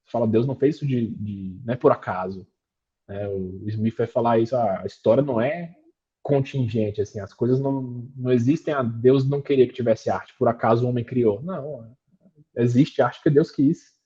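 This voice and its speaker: A man's voice: medium pitch, normal speed, mellow, husky, highs cut off. A man leading a book study discussion, explaining his ideas thoughtfully and often checking in with tag questions.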